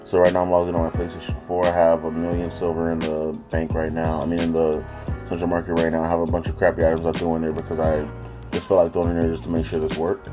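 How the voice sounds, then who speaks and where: A deep-voiced man talks through a game app in a loose, chatty way, often stopping to correct himself. He is recorded on a phone, so the audio is low quality, and guitar music plays behind him. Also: completely flat delivery, quick pace. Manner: loose and chatty, frequent ums, corrects himself mid-sentence. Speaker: gaming channel host. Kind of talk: casual game app walkthrough.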